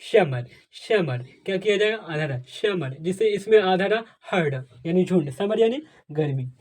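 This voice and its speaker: With lively intonation and a darkish tone, a high-voiced English teacher speaks at a normal pace in a Hindi tutorial on English pronunciation. His style is to ask questions and answer them himself, repeat points, call viewers dear friends, and invite comments.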